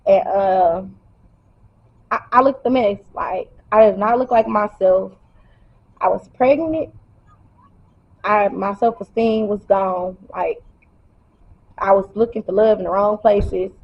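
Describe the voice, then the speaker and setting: A woman's voice: medium pitch, takes it slowly, pauses often, slightly rough. A woman telling her own story to camera in a casual, emotional way, fighting back tears as she speaks. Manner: emotional, holding back tears, colloquial and direct. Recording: dull lo-fi sound.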